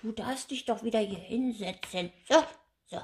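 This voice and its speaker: A woman's voice: on the high side, normal speed, pitched above the performer's own voice, close to an everyday voice. A woman voicing an eager, fidgety child puppet that pleads and chatters during a storybook reading. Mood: pleading.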